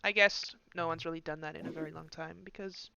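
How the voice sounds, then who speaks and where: A lonely young woman prisoner, put on by a game master, speaking softly and quietly. Her voice is bright and smooth, caught on a dry, slightly muffled mic. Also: low voice, fairly even intonation, fast, no room sound, exaggerated voice. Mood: quiet gratitude. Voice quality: soft and quiet.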